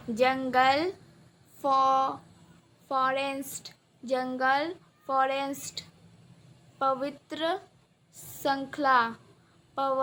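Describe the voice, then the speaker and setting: A woman teaching vocabulary, saying each word and its translation twice in a slow, deliberate drill, and speeding up for short explanations. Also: high voice, bright, forceful tone. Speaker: English teacher.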